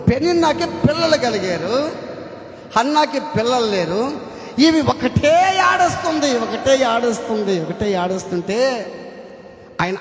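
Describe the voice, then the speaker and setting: High-voiced male preacher in echoey hall. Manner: emphatic preaching, repeats phrases, bursts into shouting. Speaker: pastor. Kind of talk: sermon. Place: church hall. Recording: echoey hall with long reverb.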